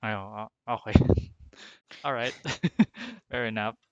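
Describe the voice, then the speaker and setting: Smooth-voiced gamer guy. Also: lowish voice, flat delivery, extremely slow, no room sound, lo-fi sound. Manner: reads out item names, code-switching, chuckles. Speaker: gamer co-host. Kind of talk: casual gaming chat.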